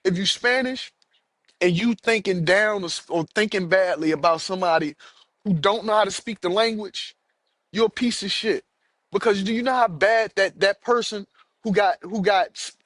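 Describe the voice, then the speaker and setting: An American man, an adult with children, hosts a solo podcast in a fairly bright, high-sitting voice. He rants angrily, swearing and repeating himself, and the recording is dry.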